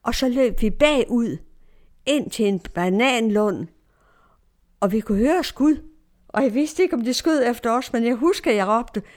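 A woman's voice: fairly high pitch, expressive, a little mellow. Older Danish woman, personal storytelling, vivid, acts out the voices of the people she quotes. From Denmark. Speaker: storyteller recounting her own life.

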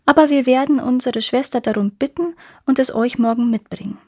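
A woman voicing frightened young brothers, timid and pleading, a bit higher than her reading voice. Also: brisk, dark tone, slightly rough, dry recording, studio quality.

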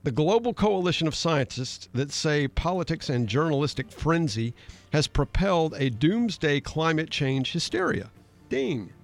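Emphatic talk-radio man, slightly high voice. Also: big pitch swings, normal speed, soft background music. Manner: emphatic, reads news headlines aloud and keeps addressing his co-host by name. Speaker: talk show co-host. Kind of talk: conversational political talk radio.

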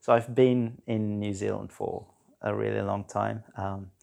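With a gravelly, fairly low voice, a South African man in his forties speaks a little slowly as he chats casually on a podcast. As a guest he's relaxed and meandering, dropping in plenty of fillers.

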